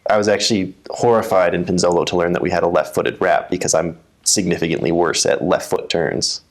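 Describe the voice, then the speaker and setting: A man's voice: low voice, steady tone, a little fast. A young man from the USA talking casually as an interview guest, often restarting and repeating words. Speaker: guest, telemark ski racer.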